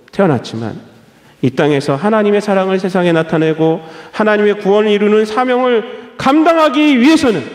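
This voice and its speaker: Emphatic male pastor in an echoey church. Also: high voice. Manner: emphatic preaching with rhetorical questions and repeated phrases. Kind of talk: sermon. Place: church sanctuary.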